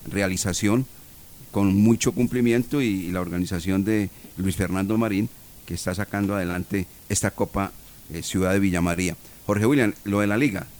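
A man's voice: low-pitched, darkish tone. A man hosting a sports radio show, leading the talk and passing it to his co-hosts. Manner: leads the show, hands off to co-hosts.

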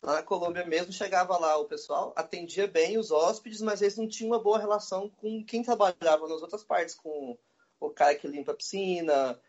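A man guest in a casual chat, telling stories in a relaxed way and laughing easily. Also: high voice, a little fast. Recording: dull lo-fi audio.

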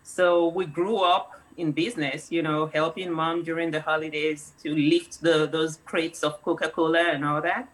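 A middle-aged woman from Nigeria, a food company founder, talks in a relaxed conversational way. She tells stories at an easy pace and laughs often. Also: sits low, normal speed, hardly any pauses, slight background noise, poor audio. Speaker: guest, snack company founder. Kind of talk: casual interview.

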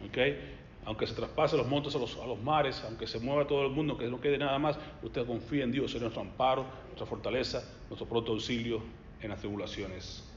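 A man preaching a sermon, swinging between loud emphatic passages and quiet low asides. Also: fairly even intonation, brisk, slight background noise. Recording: echoey hall, slightly dull sound.

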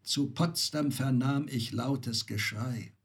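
A man voicing a weary, mocking knight back from his travels, recited slowly and dryly as poetry. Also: medium pitch, breathy edge. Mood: wry. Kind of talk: poetry reading.

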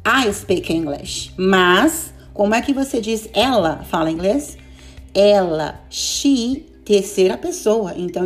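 Slow, patient woman teaching English. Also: mid-range voice. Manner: slow, carefully spaced model sentences for repetition. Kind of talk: language lesson with drilled examples.

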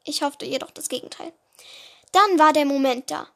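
A woman reading her own story aloud, halting and often restarting words. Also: sits high, vocal fry, a bit bright. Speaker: storyteller of a podcast-style series.

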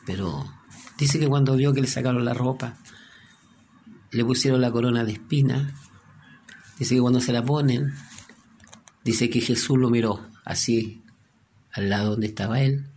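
A man preaching a sermon, telling a story and dropping to a hushed voice at its moving moments. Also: mid-range voice, normal speed, long pauses, a little hiss or hum.

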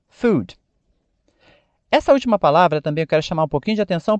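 A man's voice: a little high, dry recording, lo-fi sound. A man from Brazil with a Brazilian Portuguese accent, teaching an English pronunciation lesson online and talking straight to his viewers, often checking in with "ok?". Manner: lively, addresses viewers directly, keeps asking "ok?".

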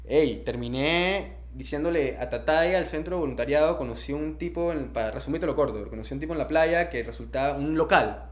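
A young man with a Panamanian accent, appearing as an interview guest, casually shares personal stories, mixing in slang and English words. His voice is a little high and brisk, with hardly any pauses.

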